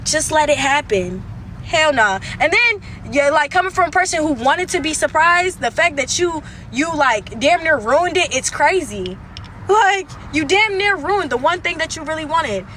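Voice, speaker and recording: Speaking from a car into her phone, a young adult woman delivers a blunt, profane livestream rant that keeps looping back to the same points. Her voice is high with a fairly bright tone, and there's slight background noise.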